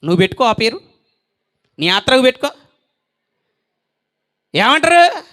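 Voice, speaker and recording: Male evangelist, Telangana Telugu accent, very high and ringing voice, emphatic questioning sermon delivery. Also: big pitch swings, moderate pace, bright, forceful tone. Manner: emphatic rhetorical questions, repeated phrases. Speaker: evangelist preacher.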